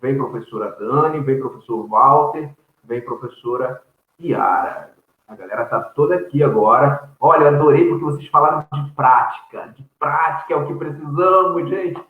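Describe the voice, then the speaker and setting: A man's voice: on the high side, normal speed. A man with a Brazilian Portuguese accent moderates a live online panel in an upbeat, joking way. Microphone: video call. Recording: tinny, roomy video call.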